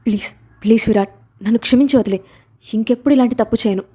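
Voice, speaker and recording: A woman's voice: mid-range voice, steady tone, racing, mellow, lightly acted. A woman voicing a frightened middle-aged man who pleads in panic, in a storybook reading. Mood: pleading.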